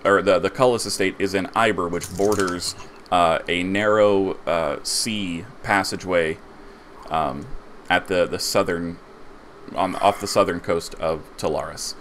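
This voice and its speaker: Slow, halting male game master. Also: deep voice, a bit bright, a little hiss or hum. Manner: halting, many fillers, laughs often. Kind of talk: narrating a tabletop game.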